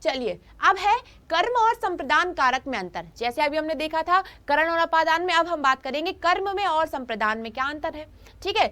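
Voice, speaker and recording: A woman's voice: high-pitched, lively intonation, moderate pace, pushed and bright. A woman teaching a grammar lesson in an online class, repeating her points and often checking in with her students.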